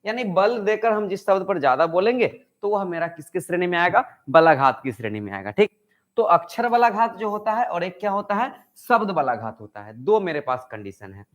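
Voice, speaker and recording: A man's voice: high voice, sing-song, a little fast, a bit bright, dull audio. A man teaching an online grammar lesson, asking questions and answering them himself. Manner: acts out example sentences with stress.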